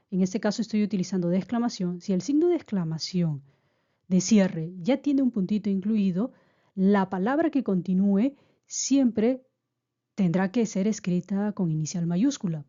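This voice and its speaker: A woman giving a grammar lesson, explaining slowly and patiently and often repeating her key points. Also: mid-range voice, warm tone, dull audio. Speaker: teacher.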